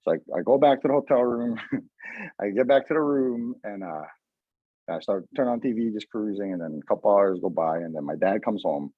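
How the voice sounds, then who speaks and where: Husky guy on a podcast, telling a story all animated, dry muffled sound. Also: fairly low pitch, dry recording. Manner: animated storyteller, slips into quick voices of others. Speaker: podcast guest. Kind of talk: casual storytelling chat.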